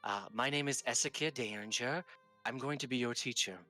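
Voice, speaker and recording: A man's voice: medium pitch, fairly quick, sharp tone, faint music behind, natural voice. A man voicing a polite, formal young human wizard who has come to take on an apprentice. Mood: calm, formal.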